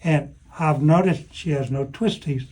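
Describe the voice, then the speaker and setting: A man's voice: a little high, unhurried, darkish tone. A man appearing as a sports guest on a casual talk show, playful and teasing. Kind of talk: casual chat.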